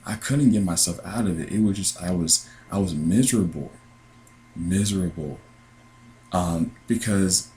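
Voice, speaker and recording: A man in his twenties with an American accent, earnestly recounting a dream in halting sentences with frequent restarts. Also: low voice, darkish tone, rough recording. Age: 20s. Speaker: dream sharer. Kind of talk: personal testimony.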